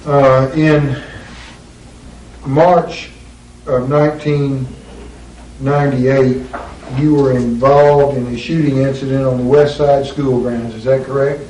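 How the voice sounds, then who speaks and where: A male attorney in a deposition, recorded courtroom-style, asking formal questions in a deliberate, measured way with frequent pauses. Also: mid-range voice, level tone, warm tone. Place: deposition room. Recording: roomy echo, distant mic, faint hiss.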